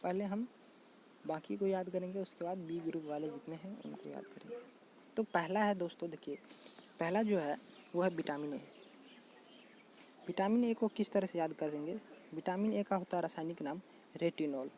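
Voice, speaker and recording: This man's voice is high but dark in tone as he casually teaches general knowledge. He says terms slowly and repeatedly and often calls to viewers as his friends. Faint noise sits behind the recording.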